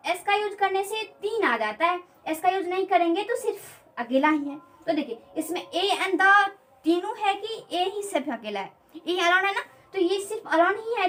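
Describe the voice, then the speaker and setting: A woman teaching an English grammar lesson. She explains slowly, repeats key words and keeps asking quick check questions. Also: very high-pitched, fairly bright tone, far from the mic, rough recording.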